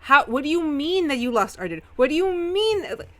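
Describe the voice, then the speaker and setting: A woman game master voicing a furious man who berates the party, shrill and swearing. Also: fast, a bit bright, no room sound.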